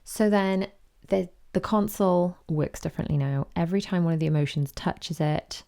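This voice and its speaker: Low, gravelly woman host. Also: normal speed. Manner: chatty, animated retelling with quoted voices. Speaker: podcast host. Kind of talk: casual chat.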